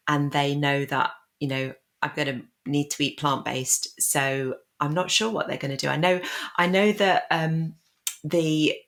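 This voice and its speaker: A woman co-hosts a podcast conversation, affirming her guest before moving on to the next question. Her voice sits low in pitch. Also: a bit bright. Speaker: podcast co-host. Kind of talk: podcast interview.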